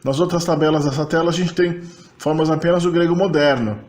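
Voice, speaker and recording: A man's voice: a little high, a little fast, darkish tone. A man giving a narrated slide lecture on linguistics, explaining each table step by step. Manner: methodical and explanatory, walking through tables step by step.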